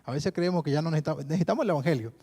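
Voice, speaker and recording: A man preaching in a Dominican accent, his voice sitting a little high for a man. He tells stories lively and keeps turning to the congregation as brother, in a church service. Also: racing, breathy edge. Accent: Dominican Spanish. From Dominican Republic. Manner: lively storytelling, keeps addressing listeners as brother. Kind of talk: sermon.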